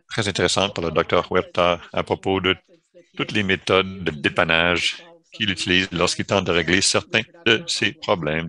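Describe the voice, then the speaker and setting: A man giving live voice-over interpretation of a panel discussion, halting at times and correcting himself. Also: low-pitched, pushed and bright. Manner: halting, with self-corrections and fillers.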